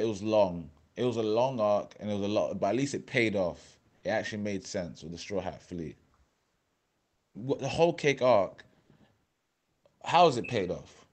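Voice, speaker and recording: A young man with a London accent, hosting a casual chat on a voice call, animated and swearing, often talking over his co-host. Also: on the low side. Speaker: podcast host.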